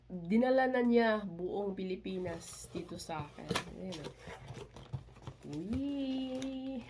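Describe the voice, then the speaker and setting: A woman unboxing a parcel in a casual vlog, chatty and excitable, with little squeals of delight and mixed English phrases. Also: on the low side, a little slow, noisy background. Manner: excitable, squeals and laughs between items; mixes Tagalog and English, chatty. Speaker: vlogger.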